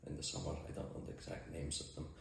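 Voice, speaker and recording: He talks fast, in a creaky bass voice with completely flat delivery: a Shetland man who farms mussels and skippers a boat, giving matter-of-fact interview answers. The setting is an office, very echoey, with faint noise.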